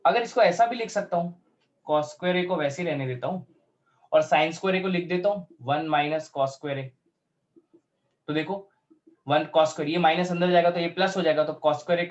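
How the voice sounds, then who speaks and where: Male math teacher, step-by-step explanation, slightly high voice, slow formula dictation, frequent check-ins, muffled recording. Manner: talks through steps aloud, checks in with students often; slows right down to dictate formulas. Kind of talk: whiteboard math lesson.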